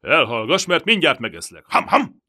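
A man voicing a bony, one-eyed raider in a storybook reading, shouting cruel threats. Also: a little high, wildly swooping pitch, voice pushed up, heavily acted. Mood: mock menace. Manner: bellowing threats, grinning and cruel.

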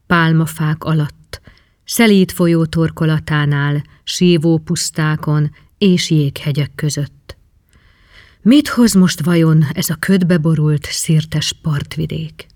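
A man voicing a weary, cursed sailor who speaks in a slow, brooding murmur in a storybook reading. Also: a little high, a little mellow, no echo, studio quality, lightly acted. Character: gaunt, weary, cursed male sea wanderer.

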